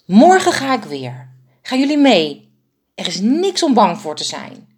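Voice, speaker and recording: A woman's voice: medium pitch, sing-song, normal speed, a little mellow, close to an everyday voice. A woman voicing a tiny, thoughtful female bird in a storybook, speaking solemnly and earnestly.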